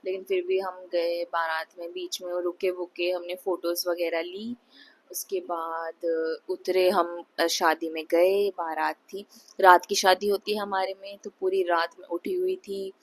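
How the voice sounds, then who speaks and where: A woman's voice: on the low side, level tone, unhurried. Young woman telling a scary story. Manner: mixes English words into Hindi, many fillers and restarts. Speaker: vlogger. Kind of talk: casual storytelling to camera.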